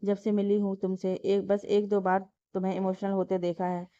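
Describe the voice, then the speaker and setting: A woman voicing a caring young woman who gently coaxes and scolds her friend. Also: medium pitch, flat delivery, moderate pace, dry recording, natural voice. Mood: coaxing. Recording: dull lo-fi dry recording.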